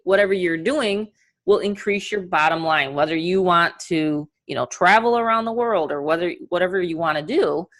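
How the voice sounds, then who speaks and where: Female webinar coach, New York accent, slightly low voice. Chatty, upbeat motivational delivery, informal and high-energy. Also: fairly bright tone. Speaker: online marketing coach and host. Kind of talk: casual webinar training and motivational talk.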